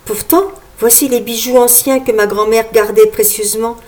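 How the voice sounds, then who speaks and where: A woman voicing a naive, earnest young girl in a storybook reading, with a high, pleading, breathless manner. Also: fairly even intonation, normal speed, mellow, lightly acted. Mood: wondering.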